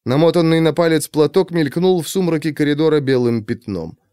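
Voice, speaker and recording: A man narrating an audiobook in an expressive, measured storytelling manner. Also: on the high side, clean tone, dry recording, studio quality.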